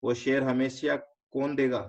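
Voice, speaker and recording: A man's voice: mid-range voice, flat delivery, darkish tone. A man with an Indian accent teaching a finance lesson step by step, quizzing students and mixing in English terms. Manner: explains step by step, asks students quick check questions; mixes English terms into explanation. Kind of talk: online class lecture. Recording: slightly dull lo-fi recording.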